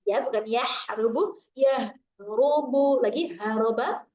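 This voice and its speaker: A woman teaching Quran recitation, slowly drawing out the letter sounds in drills. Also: on the high side. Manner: slow, drawn-out demonstrations of letter sounds. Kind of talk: tajwid lesson with drills. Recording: echoey, dull lo-fi room recording.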